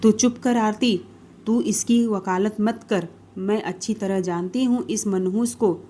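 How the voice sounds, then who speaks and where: A woman's voice: mid-range voice, measured pace, dark tone, natural voice. A woman voicing a harsh, bossy middle-aged mother-in-law in a cartoon story who hurls insults. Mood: scolding.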